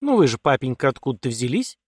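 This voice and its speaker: A man's voice: medium pitch, very animated, breathy edge, no room sound, studio quality. A man doing a headstrong young noblewoman. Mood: pleading. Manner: stubborn, quick-witted retorts.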